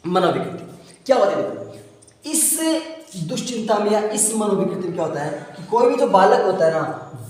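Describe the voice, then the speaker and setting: A male teacher with a high voice lectures, circling back over each point and quizzing his listeners before he answers for them. He sounds far from the mic, and a long echo rings around the room. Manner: repetitive, asks the class questions and answers them. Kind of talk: classroom lecture on psychology. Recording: echoey room, voice from a distance.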